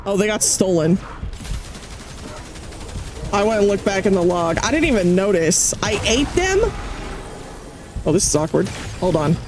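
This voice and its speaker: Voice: medium pitch, a little slow, pauses often. A streamer chatting casually while gaming, talkative and incredulous, often laughing. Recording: steady background noise.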